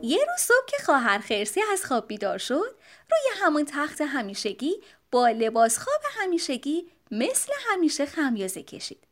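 An expressive, high-voiced woman reading a children's storybook aloud. Her pitch moves a lot, keeping the narration gently animated. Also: slight background noise. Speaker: audiobook narrator.

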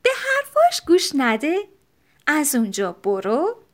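A woman narrating a children's storybook with expressive, animated storytelling. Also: sits high. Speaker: audiobook narrator.

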